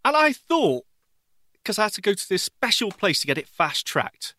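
A man co-hosting a radio show, telling stories in wry, lively casual chat. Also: sits high, moderate pace, dry recording, clean studio sound.

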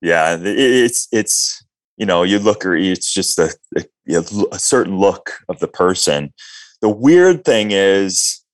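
A man with a very low voice talks loosely as an interview guest, circling back and restarting his sentences. He is from Minnesota. The sound is dry and close, with no room around it. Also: expressive, slow, no room sound. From Minnesota, USA. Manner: rambling, many restarts and fillers. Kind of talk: casual interview chat.

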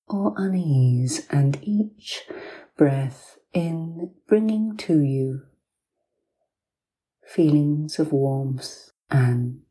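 Speaking in a low-pitched, breathy near-whisper, a female host guides listeners through hypnosis as if telling a sleep story. Her delivery is soft and calming, with short phrases separated by long pauses.

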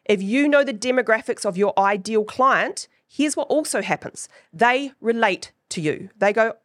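Fairly high and lively in intonation, this woman's slightly bright voice moves at normal speed in a dry, clean studio recording. She hosts her own podcast with a New Zealand accent, teaching chattily and often asking "right?"

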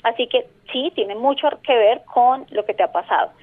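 A woman with a Colombian accent speaks over a thin, tinny phone line as a radio guest. Her voice sits fairly high, and she explains phobias with lively storytelling. She keeps a vivid, animated manner throughout. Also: moderate pace. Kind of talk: radio interview. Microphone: telephone.

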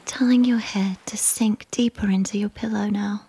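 A woman whispering a slow, soothing guided sleep meditation. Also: medium pitch, fairly even intonation, breathy edge, poor audio. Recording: soft music behind.

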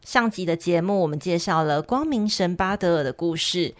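A woman's voice: fairly low pitch, animated, moderate pace. A woman with a Taiwanese Mandarin accent who hosts a storytelling podcast, in a friendly, teasing presenter tone. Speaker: podcast host. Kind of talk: casual chat and story introduction.

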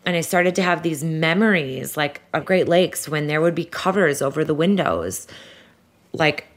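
A woman's voice: sits low, lively intonation, normal speed. A woman interviewee recounting a personal story candidly, acting out her own past words.

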